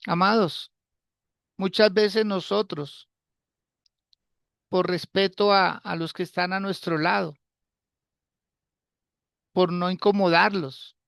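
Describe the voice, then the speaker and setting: Slow, gravelly pastor preaching. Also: male voice, sits high, fairly even intonation, fairly bright tone, no echo, studio quality. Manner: slow, deliberate preaching that repeats phrases; asks the congregation rhetorical questions. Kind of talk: sermon.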